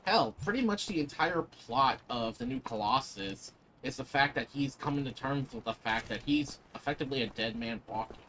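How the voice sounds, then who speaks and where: A man's voice: mid-range voice, expressive, normal speed, few pauses, bright, forceful tone, a little hiss or hum, poor audio. A man giving casual, opinionated commentary while gaming, speaking emphatically and swearing freely. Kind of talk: casual chat over gameplay.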